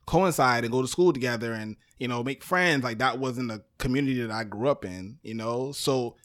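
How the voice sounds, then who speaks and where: A Brooklyn, New York podcast network founder speaks briskly in a medium-pitched, slightly bright voice. As an interview guest he talks loosely and casually, with plenty of "um" and "you know".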